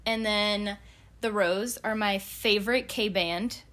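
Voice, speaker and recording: A woman's voice: mid-range voice, fairly even intonation, takes it slowly, a bit bright. Chatty young woman podcast co-host. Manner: chatty, listing favorites with fillers. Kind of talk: casual chat.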